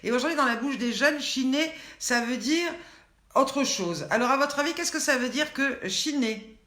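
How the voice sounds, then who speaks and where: In an echoey room, an older woman with a high, sharp voice and lively intonation speaks at a normal pace as host of her daily live online show. She quizzes viewers in a playful way and reads out their names and comments.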